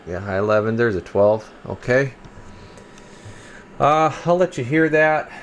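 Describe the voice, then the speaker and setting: The host of a radio repair and test video channel chats through a hands-on demonstration, walking viewers through every step and sometimes half muttering to himself as he works. His medium-pitched voice sounds animated but a little slow, with slight background noise.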